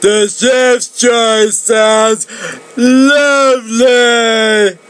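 A speaker voicing a smitten young man who talks in a lively, drawn-out, emphatic way. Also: medium pitch, smooth, pitched above the performer's own voice. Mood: eager.

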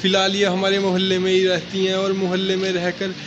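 A young village vlogger, male and from Uttar Pradesh, India, talks fairly quickly in a high, flat voice, and the audio's highs are cut off. Outdoors among fields and lanes, he guides viewers on a casual walking tour, constantly saying "friends," filming on a phone at arm's length with loud background music.

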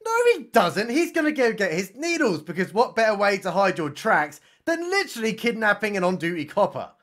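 Young male reviewer, irreverent comedic recap, high and lively delivery. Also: brisk. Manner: irreverent, sarcastic, crude jokes. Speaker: film reviewer. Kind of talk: comedic film recap narration.

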